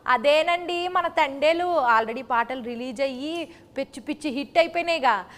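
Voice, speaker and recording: Bright, high-voiced woman host with Srikakulam slang. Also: moderate pace. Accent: Srikakulam Telugu dialect. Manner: chatty and teasing, with folksy slang. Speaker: interview host. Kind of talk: playful talk-show interviewing.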